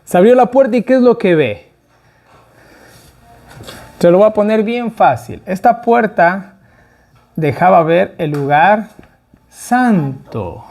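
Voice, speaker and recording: A middle-aged man teaching an informal Bible study, talking with his group, asking them questions and slowing down to stress key words. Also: high-pitched, expressive, gravelly, darkish tone. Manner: conversational, asks the group questions, tag "¿ya?".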